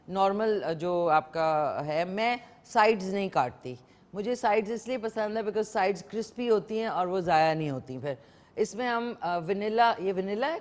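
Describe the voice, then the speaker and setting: Chatty woman host, live cooking demo, easygoing and talkative with viewers and callers. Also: fairly low pitch. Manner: chatty, code-switching with English words, talks to viewers and callers. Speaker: morning show host cooking on air. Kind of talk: casual live cooking demonstration.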